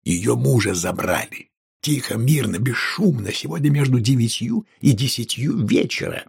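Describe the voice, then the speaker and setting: A man reading an audiobook, voicing a calm, scheming innkeeper who speaks low and insistently with a raspy voice. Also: moderate pace, exaggerated voice. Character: calm, scheming middle-aged male innkeeper. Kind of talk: audiobook character voice.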